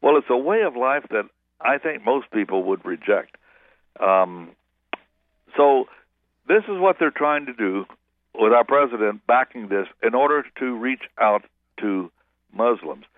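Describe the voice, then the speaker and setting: On a dry, tinny phone line, a pastor guesting on a radio interview speaks in an animated, medium-pitched voice. He takes his time, pausing often, and his talk rambles with frequent self-corrections.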